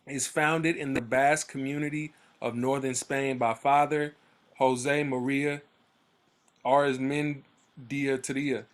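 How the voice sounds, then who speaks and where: Over a video call, a man from the Oakland area of the US leads a book club, reading timeline entries aloud and commenting loosely. He talks conversationally with frequent fillers and restarts, in a medium-pitched voice.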